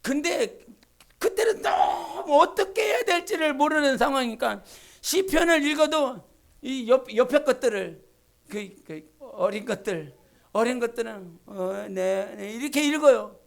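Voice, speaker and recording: A woman pastor preaching a Sunday sermon in a church, swinging from hushed asides to fervent, shouted pleas. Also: high voice, lively intonation, measured pace. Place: church sanctuary.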